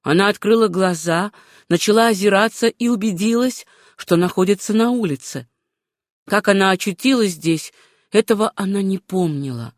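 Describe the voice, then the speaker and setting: A woman reads a novel aloud at an even, unhurried pace, her voice sitting in a middle register. The recording is dry and close, with no room sound at all, as in a studio audiobook. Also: mid-range voice, no echo. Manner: measured, unhurried reading. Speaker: audiobook narrator. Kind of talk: scripted narration of a novel.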